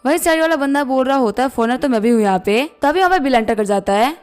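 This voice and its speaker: A woman's voice: high voice, expressive, fast, clean tone. A woman narrating a story recap, reading every character's lines in her plain voice. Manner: reads all dialogue in her plain voice. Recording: faint background music.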